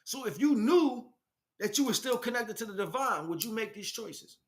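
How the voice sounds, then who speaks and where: At a normal speed, this male speaker's voice sits high and sounds expressive. He's a spiritual teacher giving a fervent, casual lecture in blunt street vernacular, frequently asking rhetorical questions.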